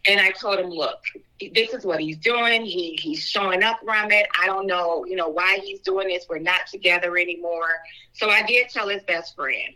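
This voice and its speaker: A woman guest in an interview telling a personal story in an earnest, fast way, full of "like" and "so". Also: on the low side, pushed and bright, poor audio. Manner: earnest, talks fast with frequent "like" and "so".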